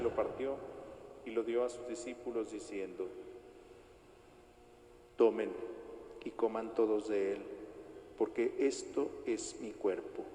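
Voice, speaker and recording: A man, leading prayers at Mass as the priest in a slow, solemn, formal way, his voice ringing with cathedral echo. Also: mid-range voice, warm tone. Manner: measured, solemn, formal intoning. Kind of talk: liturgical prayer recitation at Mass. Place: large church. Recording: echoey church with long reverb, faint noise.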